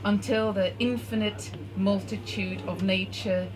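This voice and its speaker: Woman, spoken-word poet reading slowly from her phone; noisy live bar recording. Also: medium pitch, fairly even intonation. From Norway. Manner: reads her poem from a phone, measured and deliberate. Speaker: performing poet. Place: bar hosting a poetry night.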